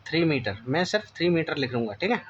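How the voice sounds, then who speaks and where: A man teaching a class ten physics lesson, often asking students questions and checking that they follow. He keeps saying "okay" and reads English textbook lines in an Indian English accent, slowly and deliberately. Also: fairly high pitch, sing-song, a bit bright, highs cut off, slight background noise. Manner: addresses students as beta, repeats "theek hai" often. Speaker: physics tutor. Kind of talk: board-exam coaching lesson.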